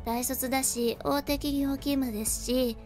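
A woman voicing a spoiled, contemptuous young bride in a storybook drama, with a shrill, whiny manner. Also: steady tone, unhurried, darkish tone, faint music behind. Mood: fawning.

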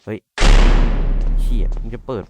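A man's voice: a little slow, loud music behind the voice. A man playing a horror game, chatting to himself in casual commentary, jumpy and swearing when startled. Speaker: let's-play gamer.

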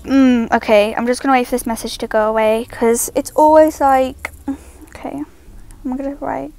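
A woman giving casual gameplay commentary, mostly hushed and nervous, bursting loud when excited. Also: sits high, normal speed. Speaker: gaming YouTuber.

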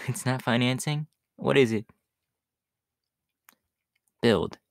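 Guy doing shy gentle catboy in asmr ASMR role-play, bashful n hesitant, talks slow, super dry close sound. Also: medium pitch, creaky, no room sound. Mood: bashful, grateful. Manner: hesitant, bashful, soft-spoken with nervous giggles. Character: shy, gentle young catboy living with partner.

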